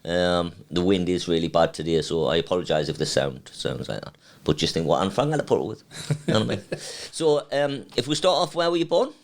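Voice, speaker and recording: A man's voice: low voice, expressive, brisk, few pauses. A man from Sunderland with a Sunderland accent, hosting a casual interview in a chatty, jokey way with frequent laughs. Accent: Sunderland English. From Sunderland, England. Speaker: podcast host.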